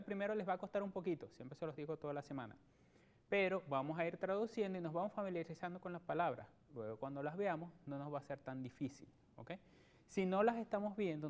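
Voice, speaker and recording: A man with a Venezuelan Spanish accent teaching English on a televised lesson, patient, repeating words slowly and checking understanding often. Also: a little high, darkish tone. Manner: slow, careful English pronunciation drills.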